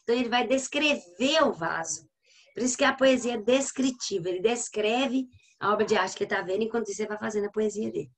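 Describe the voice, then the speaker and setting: A woman with a Brazilian accent giving a literature lecture to her class, explaining and often checking in with questions. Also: mid-range voice. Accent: Brazilian Portuguese. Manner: reads poems aloud slowly. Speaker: literature teacher. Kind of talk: classroom lecture over slides.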